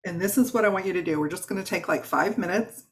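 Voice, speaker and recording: A woman with a Southern accent coaches a group over a video call, talking in a chatty, encouraging way with frequent ums and restarts. Her voice sits slightly low. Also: fast talker. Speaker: wellness coach. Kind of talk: live online workshop teaching.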